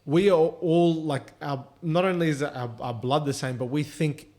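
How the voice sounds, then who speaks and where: An Australian man co-hosts a podcast, telling stories in a loose, rambling way packed with fillers during casual chat. His voice sits fairly high, with a steady, warm tone at a normal speed.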